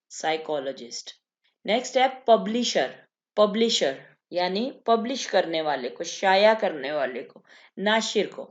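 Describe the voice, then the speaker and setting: A woman teaching English vocabulary, repeating each word and explaining it slowly. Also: medium pitch, muffled recording. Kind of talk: vocabulary lesson.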